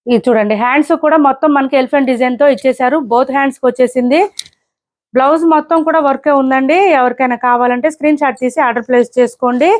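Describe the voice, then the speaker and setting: Woman seller, high voice, fast brisk pitch, repeats prices often. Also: steady tone. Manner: brisk, repetitive price callouts. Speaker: saree seller. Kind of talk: online sales showcase.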